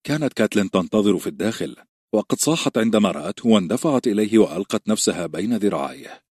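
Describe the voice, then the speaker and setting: Husky low-voiced male audiobook narrator. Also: expressive, racing, a little mellow, no room sound, clean studio sound.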